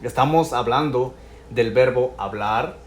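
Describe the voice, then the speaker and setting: A man teaching English grammar in Spanish, patiently going over each example and repeating the English phrases slowly. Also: medium pitch, roomy sound, slight background noise.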